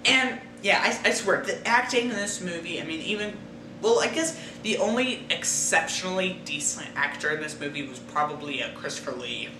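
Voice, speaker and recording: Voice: medium pitch, normal speed, noisy background. A movie reviewer chatting casually and hesitantly, with many ums and fillers. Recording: roomy distant mic with music.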